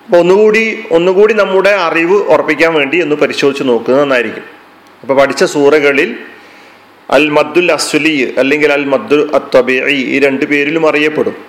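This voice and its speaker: A man's voice: a little high, brisk, fairly bright tone, rough recording. A man teaching a Quran recitation class, explaining terms patiently and repeating them. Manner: fillers, restarts and hesitations. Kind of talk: classroom lesson.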